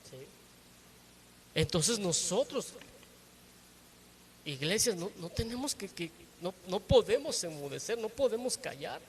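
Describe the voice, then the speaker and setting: High-voiced man preaching a sermon. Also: big pitch swings, unhurried, pauses often. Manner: frequent tag questions to the congregation; teaching tone with rhetorical questions.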